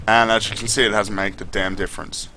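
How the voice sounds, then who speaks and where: Bright, forceful man giving blunt game commentary. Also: fairly low pitch, level tone, fast talker, a little hiss or hum. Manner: opinionated, blunt, swears casually. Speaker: gaming video host. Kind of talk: unscripted game review commentary over gameplay.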